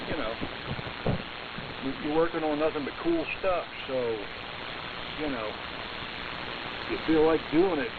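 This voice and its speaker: A man runs the radio net, and his voice reaches us through a muffled AM signal. Loud static hiss nearly swamps him. He chats easily and throws in plenty of fillers. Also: mid-range voice. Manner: relaxed and chatty, with many fillers. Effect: received over AM radio, with heavy static hiss. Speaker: radio net control operator. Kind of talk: casual on-air chat. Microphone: radio transmitter.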